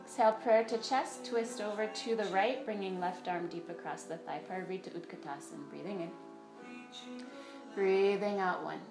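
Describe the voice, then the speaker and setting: A woman's voice: medium pitch, moderate pace. A woman teaching a guided yoga class, giving step-by-step directions and breath counts. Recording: roomy echo, faint music behind.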